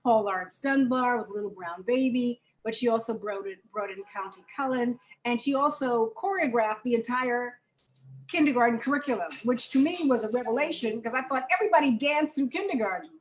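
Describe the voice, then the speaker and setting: Older woman, vivid animated storyteller. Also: fairly high pitch, fairly quick, rough recording. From New York, Harlem. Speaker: children's book author, guest. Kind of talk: conversational interview storytelling.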